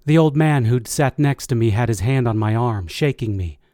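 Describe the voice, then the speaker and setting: A man reading a first-person audiobook in a measured, steady way. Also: mid-range voice, no echo, studio quality. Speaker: audiobook narrator.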